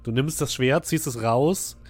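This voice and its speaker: A man narrating a tabletop fantasy game as game master, telling the story descriptively and haltingly. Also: medium pitch, a little mellow, soft background music.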